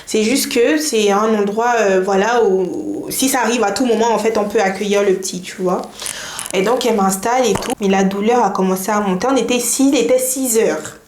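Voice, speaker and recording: A young woman telling a personal story to her viewers in a lively, chatty way. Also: mid-range voice, brisk. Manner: lively, chatty, laughs while telling, addresses viewers directly. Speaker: vlogger. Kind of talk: casual storytime to camera. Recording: echoey room, faint noise.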